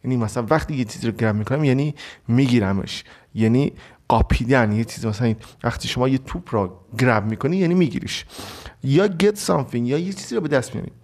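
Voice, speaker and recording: A man teaching an English vocabulary lesson, explaining each word step by step and reading the English examples slowly. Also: mid-range voice, darkish tone. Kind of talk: recorded online lesson.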